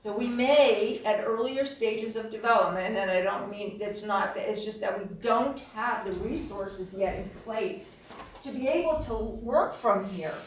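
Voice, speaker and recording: A woman facilitating a group workshop, speaking calmly and reflectively with gentle pauses. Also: medium pitch, a little hiss or hum. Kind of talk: guiding a group session. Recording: echoey room, distant mic.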